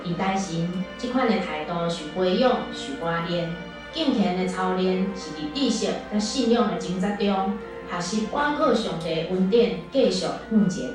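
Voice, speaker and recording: A woman with a Taiwanese Hokkien accent narrates formally in a lowish voice. She sounds distant and very echoey, over music. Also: lively intonation, moderate pace.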